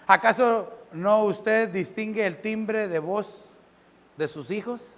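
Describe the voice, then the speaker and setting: A pastor preaching a sermon. He keeps asking the congregation questions and swings between loud and soft. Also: high-pitched, slow pace, big-room sound.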